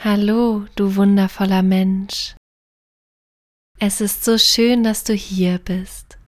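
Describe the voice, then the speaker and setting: A woman narrating a bedtime sleep story and guided relaxation in a gentle, soothing, partly near-whispered voice. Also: mid-range voice, flat delivery, slow, no echo, clean studio sound.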